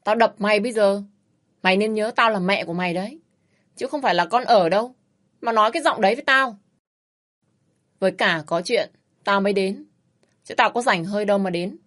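A woman voicing a loud, bossy, nagging middle-aged mother who scolds her grown daughter coarsely. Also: mid-range voice, fairly quick, long pauses, close to an everyday voice. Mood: scolding.

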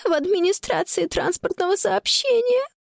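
A woman voicing a frightened schoolgirl who sobs and pleads slowly down a phone line. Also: very high-pitched, expressive, gravelly, dry recording, studio quality, voice pushed up, exaggerated voice. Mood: upset. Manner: tearful, pleading, slow.

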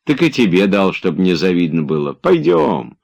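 A man's voice: sits low, sing-song, moderate pace, gravelly, darkish tone, heavily acted. A man voicing a sly coachman who teases knowingly. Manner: knowing, teasing. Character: sly joking male coachman.

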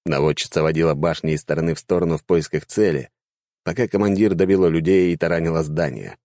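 A man narrating a fantasy war story with lively, dramatic delivery. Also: low-pitched, fast, dry recording, studio quality.

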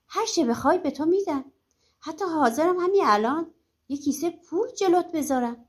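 A woman's voice: very high-pitched, expressive. A woman voicing an eager farmer man who begs to buy something in a folk tale. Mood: pleading. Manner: pleading, eager.

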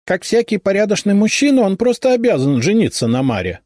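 A playful young girl from a storybook, pleading and teasing in a very high, lively voice, as a male narrator puts her on. The recording is dry and close. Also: brisk, no echo. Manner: pleading, breathy.

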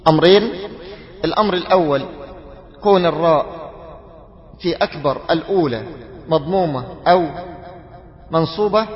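A man with an Egyptian accent teaching a study circle, mixing formal Arabic with colloquial speech, quizzing his students and slowly chanting phrases to demonstrate them. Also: sits high, in a large hall, highs cut off. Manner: questions students and draws out the answers, chants the takbir slowly to demonstrate.

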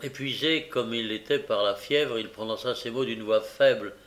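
A man narrating a classic novel as an audiobook, measured and expressive, with occasional small stumbles. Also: mid-range voice.

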